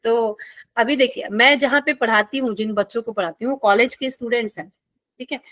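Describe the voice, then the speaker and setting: A woman's voice: on the high side, brisk, a bit bright, no echo. Friendly Hindi-speaking woman teacher. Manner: friendly, playful teaching with call-and-response questions. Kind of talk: classroom lecture.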